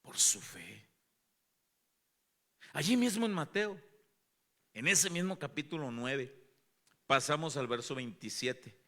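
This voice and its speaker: A man's voice: a little high, lively intonation, slow pace, pauses often, sharp tone. A man preaching a sermon as pastor, dramatizing scripture and putting questions to the congregation. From Mexico.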